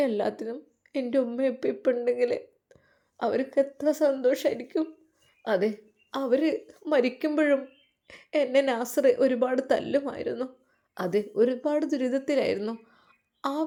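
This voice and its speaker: A woman's voice: high voice, voice pushed up, natural voice. A woman with a Malappuram Malayalam accent voicing a humble young bride who speaks in a tearful, pleading way.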